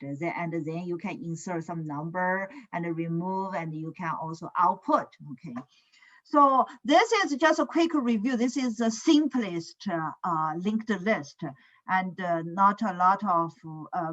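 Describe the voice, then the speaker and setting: A woman lecturing in an online class, heard through a screen recording. She talks slowly, often checks "is it?" and fills gaps with "uh". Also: mid-range voice, a bit bright, dull audio. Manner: slow, with frequent "is it?" checks and "uh" fillers. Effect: screen-recorded online lecture audio. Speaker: computer science lecturer. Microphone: computer mic on a video call.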